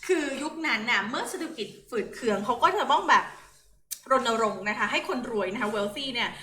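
Bright high-voiced Thai woman tutoring. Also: animated, fairly quick, roomy sound, a little hiss or hum. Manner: chatty, friendly, many polite particles and fillers. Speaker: English tutor. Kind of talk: casual online English lesson.

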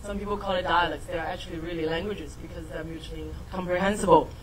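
Over a noisy crowd, a Shanghai-born woman in middle age whose first language is Mandarin lectures an audience on tech, frequently checking in with "right?" as she explains. She speaks fast in a fairly low, steady voice, captured on a low-quality recording.

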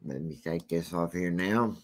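Here the true crime host's scratchy bass voice drifts along in a relaxed, filler-heavy ramble, moving a bit slowly.

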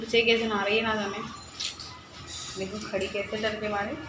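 A woman's voice: mid-range voice, level tone, normal speed, noisy background. A woman giving playful, teasing commentary on her pets at home, often breaking into laughter. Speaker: pet vlogger.

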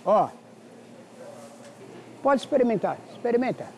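A man's voice: very high voice, very animated, measured pace, darkish tone. A man with a Brazilian accent pulling hidden-camera pranks in a supermarket, playful and teasing, yelping when people chase him. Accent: Brazilian Portuguese.

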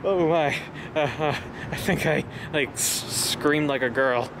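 A man's voice: on the high side, unhurried. A man talking in a casual vlog, rambling with many fillers and restarts, a bit out of breath. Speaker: vlogger. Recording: noisy background.

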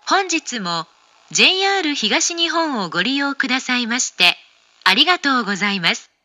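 A woman making formal, scripted train station announcements in a measured, carefully enunciated way. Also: sits high, sing-song, pushed and bright, dry recording, studio quality.

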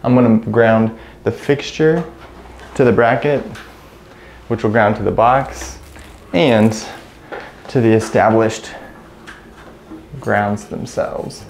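Low-voiced man talking through a wiring job. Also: slow, creaky, long pauses, slight background noise. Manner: relaxed, practical, talks himself through each step. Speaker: electrician instructor. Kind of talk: hands-on how-to narration. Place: small room in a house, indoors.

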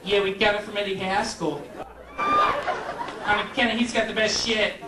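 A man's voice: sits high, huge pitch swings, unhurried, a loud crowd. A man in his thirties doing stand-up comedy, rambling through stories with a handheld mic on a club stage. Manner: loose, rambling storytelling with stoner voices. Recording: far, roomy, noisy camcorder tape.

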